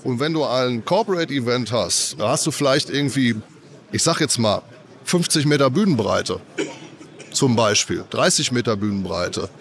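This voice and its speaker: A man with a cold answers questions in a casual trade-fair interview on behalf of an audio company, describing the technology in a loose, filler-laden way. His mid-range, a bit bright voice has lively intonation and a moderate pace.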